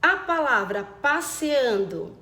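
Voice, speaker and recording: A woman teaching young children, spelling out words slowly and checking in with them often. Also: high voice, very animated, pushed and bright, roomy sound. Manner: slow, over-enunciated dictation of words; affectionate diminutives and frequent check-ins. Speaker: primary school teacher. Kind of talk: recorded remote lesson for children.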